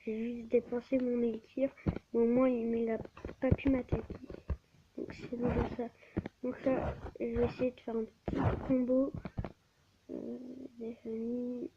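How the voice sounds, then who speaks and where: Speaking unhurriedly and pausing often, a woman with a fairly high, barely moving pitch provides live commentary on her gaming channel. Stammers and restarted words are frequent. Her tablet mic captures dull, lo-fi audio with faint hiss.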